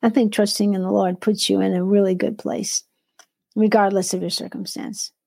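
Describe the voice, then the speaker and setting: Gravelly, mellow-voiced woman sharing her faith. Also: medium pitch, level tone, normal speed, no echo. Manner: earnest, quotes scripture aloud; restarts and self-corrections. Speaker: entrepreneur and devotional author. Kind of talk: faith-based conversational sharing.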